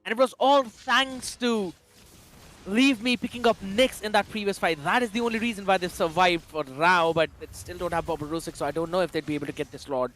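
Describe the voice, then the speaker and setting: A man's voice: high voice, brisk, a bit bright, a little hiss or hum. A man giving casual color commentary and analysis on a mobile esports match, slangy and chatty.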